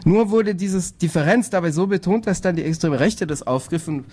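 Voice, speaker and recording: A man speaking on a political panel, measured and hesitant, with frequent fillers and restarts. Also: sits high, a little mellow, slightly rough. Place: lecture hall.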